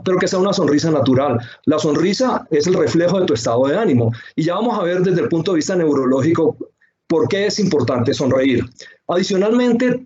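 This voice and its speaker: In a webinar presentation, a man pitches sales through a computer microphone on a video call, stacking emphatic lists and rhetorical questions. His voice is on the high side with a darkish tone, and the recording sounds muffled.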